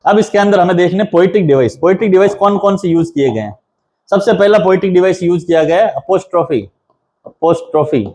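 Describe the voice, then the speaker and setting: High-voiced male teacher explaining a poem. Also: warm tone. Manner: reads the English verse lines slowly, then explains each in Hindi; repeats key terms and counts them out step by step. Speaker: assistant professor teaching English literature.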